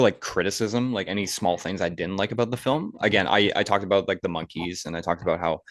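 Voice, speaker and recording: A man's voice: low voice, no echo, studio quality. A man co-hosting a casual movie podcast, rambling and enthusiastic with lots of fillers. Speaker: podcast co-host. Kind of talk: casual movie review chat. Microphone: podcast microphone.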